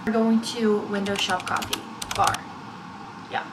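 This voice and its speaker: A woman's voice: medium pitch, level tone, a little slow, noisy background. A young woman in her twenties vlogging casually, chatty and upbeat as she rates coffee drinks. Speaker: vlogger reviewing coffee shops. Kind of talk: casual vlog. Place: car and cafes. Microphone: handheld camera or phone close up. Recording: music playing underneath.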